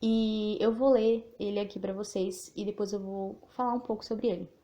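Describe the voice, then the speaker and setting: This podcast host and writer from Northeast Brazil speaks with a Sergipe accent in a mid-range, dark-toned voice at normal speed with fairly even intonation. Slightly nervous, she muses informally and reflectively in a monologue that includes reading her own text aloud.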